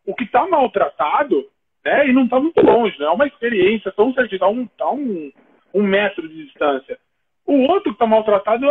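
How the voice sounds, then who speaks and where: Animated Brazilian man on a tinny line. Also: sits high, a little hiss or hum. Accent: Brazilian Portuguese. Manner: animated, acts out dialogue in his stories. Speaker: host of a live talk show. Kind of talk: casual storytelling chat.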